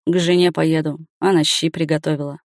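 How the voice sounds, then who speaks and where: Woman doing a smug middle-aged guy, curt and bossy, lowish voice, dry. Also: flat delivery, fairly quick, dry recording. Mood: offhand. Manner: curt, commanding. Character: middle-aged man, bossy self-satisfied lover.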